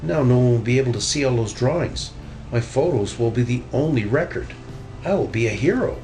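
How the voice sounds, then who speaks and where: A man voicing a boastful, excitable cartoon duck adventurer from a storybook, in an exclamatory way. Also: medium pitch, fairly quick, faint music behind, close to an everyday voice, poor audio. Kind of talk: storybook character reading.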